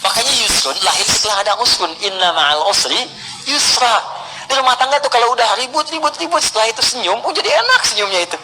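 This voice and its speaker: A middle-aged man preaching and answering a question in a sermon, lively, acting out small everyday scenes. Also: very high-pitched, fast talker, faint music behind, poor audio. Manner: lively, plays out little scenes, chuckles.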